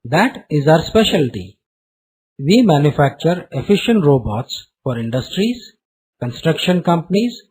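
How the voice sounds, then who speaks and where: A man playing a short, narrow-eyed salesman who delivers a slick sales pitch like a recorded program. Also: darkish tone, breathy edge, heavily acted.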